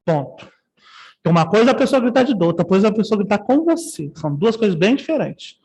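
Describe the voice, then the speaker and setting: Man, Brazilian Portuguese accent, nursing ethics teacher, high voice, reverberant room on a video call. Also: very animated, quick pace, a little mellow. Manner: conversational, often checks in with "tá?" and "entendeu?". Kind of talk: online class lecture.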